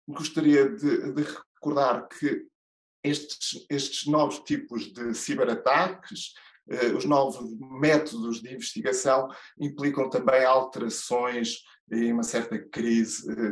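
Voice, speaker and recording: A man's voice: medium pitch, reverberant. A man with a European Portuguese accent, a judge and lecturer giving a conference keynote, hesitant, with many fillers and restarts.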